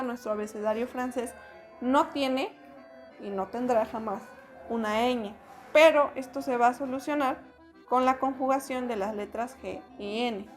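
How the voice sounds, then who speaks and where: A woman teaching French pronunciation in a spoken lesson, explaining patiently with fillers. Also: fairly high pitch.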